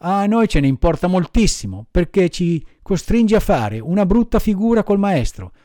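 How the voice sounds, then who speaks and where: A man's voice: high voice, big pitch swings, moderate pace, dark tone, no room sound, clean studio sound. A man voicing a gang of rowdy schoolboys in a storybook reading, taunting and threatening. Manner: bullying, taunting.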